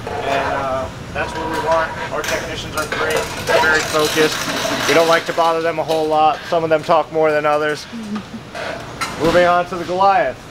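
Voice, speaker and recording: With a fairly high pitch and fairly even intonation, a man in his thirties moves at a moderate pace through an upbeat, no-frills tour of his vehicle workshop. He is the shop manager filming a casual vlog in the large indoor space, with workshop noise behind.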